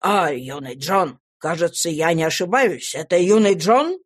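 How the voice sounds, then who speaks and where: A woman voicing a proud, irritable older gentleman who speaks stiffly and keeps clearing his throat in a storybook reading. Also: sits low, lively intonation, slow pace, full character voice. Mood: stiffly polite.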